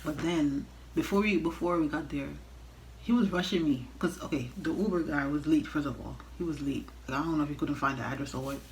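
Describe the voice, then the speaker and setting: A young woman telling a casual, animated storytime rant, blunt and exasperated, swearing freely as she talks straight to viewers. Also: low voice, fairly quick, a little hiss or hum, poor audio. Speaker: storytime vlogger.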